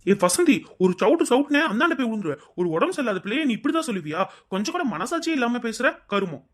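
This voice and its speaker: A woman's voice: fairly high pitch, big pitch swings, fast. A woman voicing a hot-tempered young neighbour in a cartoon, talking in a combative, threatening way. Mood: angry. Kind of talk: cartoon voice acting.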